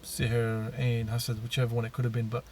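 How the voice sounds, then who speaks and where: A man's voice: mid-range voice, completely flat delivery, fairly quick, a little mellow, slight background noise. A man telling his personal story in a casual monologue, rambling with many fillers and restarts.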